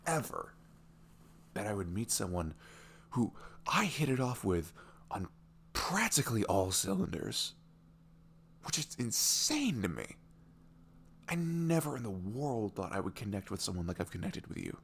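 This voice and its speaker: In an intimate ASMR roleplay, a man plays a smitten, vulnerable young neurodivergent boyfriend meeting his online love, his delivery sing-song and heavily acted, awed and delighted. The low, creaky voice often softens to a whisper, halting and musing, full of soft chuckles and "you know." A little hiss or hum sits underneath.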